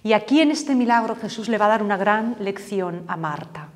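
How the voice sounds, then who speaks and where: Spanish-speaking Bible teacher in a reverberant room. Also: female voice, mid-range voice, moderate pace. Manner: vivid storyteller, acts out the gospel voices in quotes. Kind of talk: storytelling Bible lesson. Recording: long reverb, hall-like echo.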